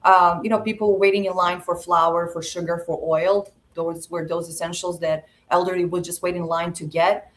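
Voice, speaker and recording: A woman in her forties from Serbia, a podcast guest telling her life story in a measured, reflective way with frequent pauses. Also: fairly low pitch, little pitch movement. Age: 40s. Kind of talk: personal storytelling interview.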